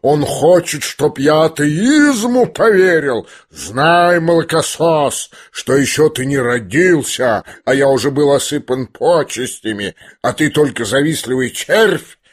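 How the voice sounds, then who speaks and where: A man voicing a proud, wounded old retired general who bellows slowly and shakily in a rage. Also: medium pitch, close to an everyday voice. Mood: furious. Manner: bellowing, slow and shaky.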